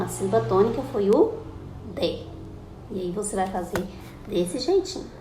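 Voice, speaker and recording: Woman teacher, higher voice, slow patient drilling, echoey room with light hiss. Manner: patient, drawn-out spelling of example words. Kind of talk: recorded school lesson. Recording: echoey room with faint background noise.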